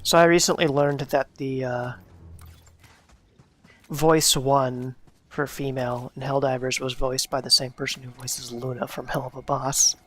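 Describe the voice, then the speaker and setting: A man's voice: mid-range voice, level tone, unhurried, a bit bright. A man playing a video game with friends, making dry, offhand comments as he plays. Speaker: co-player on stream. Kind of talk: casual gaming chat.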